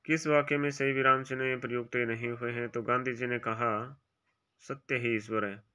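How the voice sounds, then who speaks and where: A man teaching an exam-prep grammar lesson, reading each quiz option aloud and then briefly marking it right or wrong in quieter, lower asides. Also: little pitch movement, moderate pace, clear, resonant tone.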